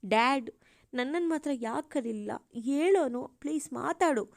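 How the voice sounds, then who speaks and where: A woman putting on a frantic young woman in a storybook reading, her questions tumbling out fast and nonstop. The voice stays quiet but hurried. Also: sits high, lively intonation, creaky, dry recording, clean studio sound. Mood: anxious. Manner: rapid, anxious questioning.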